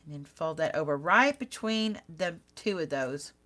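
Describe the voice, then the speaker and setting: During a live card-making session, the host's low, animated, slightly bright voice keeps a measured pace. She chats informally with viewers, mocking herself and laughing at her own moments.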